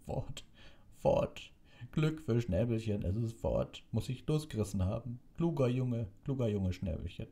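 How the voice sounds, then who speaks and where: A man voices a huge, softhearted gamekeeper in an audiobook, staying near his own deep, husky voice. The figure speaks with raw, tearful emotion. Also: flat delivery, measured pace, long pauses, exaggerated voice. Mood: emotional. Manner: emotional, sobbing.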